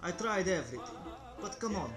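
A teenage boy acting as a brooding young orphan investigator in a student film, earnest and questioning, quick to anger. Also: high voice, animated, over music. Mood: wistful. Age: teens. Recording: echoey room, distant mic.

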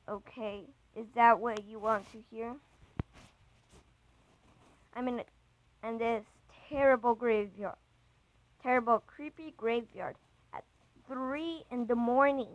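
A woman's voice: on the high side, no echo, poor audio. A woman reading a chat story aloud, voicing an anxious young man who hesitates and stumbles over his words.

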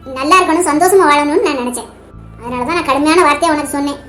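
A woman's voice: sits high, very fast, fairly bright tone, soft background music. A woman voicing an affectionate, teasing old grandmother in a cartoon, with a Tamil Nadu accent. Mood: tearful. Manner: teasing, then tearfully apologetic. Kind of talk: cartoon voice acting.

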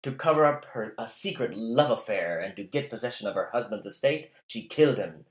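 A man's voice: lowish voice, expressive, a little fast, close to an everyday voice. A man reading as an old man pleading for vengeance. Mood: accusing. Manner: impassioned pleading oratory. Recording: roomy echo.

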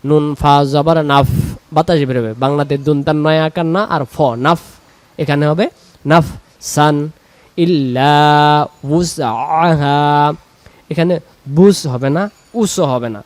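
Man, quran recitation teacher, smooth clear voice, slow chanted recitation, dry close sound. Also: a little high, darkish tone, no echo. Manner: explains rules quickly, then recites verses slowly in drawn-out chant. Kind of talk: recitation lesson, explaining and chanting.

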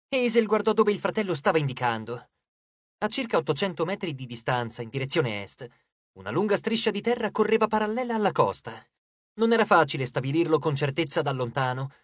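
Lively, dramatic audiobook narrator. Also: medium pitch, dry recording, studio quality. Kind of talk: scripted narration.

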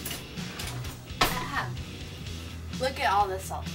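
Over loud music, a young woman with a medium-pitched voice playfully hosts a homemade cooking show in her small home kitchen. She's bubbly and teasing, breaking into quick outbursts now and then.

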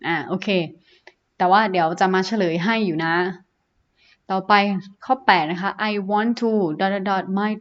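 A woman teacher with a Thai accent, reading English sentences slowly and then explaining them in Thai with fillers, in an online lesson. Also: medium pitch, highs cut off.

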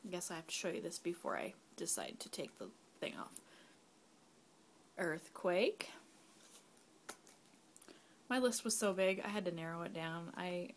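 A woman's voice: lowish voice, animated, moderate pace, pauses often, slight background noise. A young woman, a mother at home, chatting casually through a candle review, rambling with fillers and sometimes dropping to a whisper. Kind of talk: casual product review vlog. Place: home, kids nearby.

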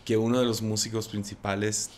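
A man's voice: on the low side, flat delivery, fairly quick. A man hosting a casual conversation, speaking bluntly and chiming in with short remarks. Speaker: podcast host.

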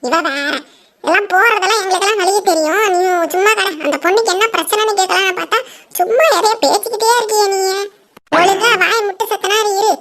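A woman's voice: very high voice, fast talker, a little hiss or hum. Woman voicing a bossy old village mother-in-law. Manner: bossy, scolding, sharp commands. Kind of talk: cartoon voice acting. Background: background music.

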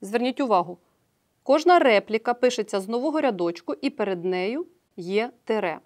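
A woman teacher giving an online grammar lesson, patiently explaining each step and often checking in with a quick "right?". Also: mid-range voice, expressive, darkish tone.

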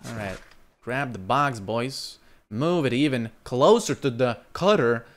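A young man comments on his gameplay live, chatting to his viewers through a headset mic. He talks in a casual, excitable way and often bursts out loudly, with a faint hiss of noise behind him. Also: mid-range voice, a little slow. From Lithuania. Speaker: gaming streamer.

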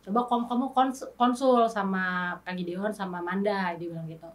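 A woman guest on an interview show, telling her story in candid, animated casual chat and acting out past arguments. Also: mid-range voice, moderate pace, far from the mic.

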